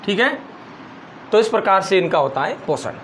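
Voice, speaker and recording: A male teacher giving a school biology lesson, slowly dictating notes and repeating phrases for students to write down. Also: sits high, animated, a bit bright, slight background noise.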